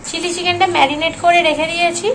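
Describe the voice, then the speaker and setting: A woman from West Bengal, India, talks in a matter-of-fact way as she explains a dish in a home kitchen. Her voice is high. Faint noise hums behind her. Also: level tone, quick pace, fairly bright tone. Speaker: family member in a vlog. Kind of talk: casual home chat.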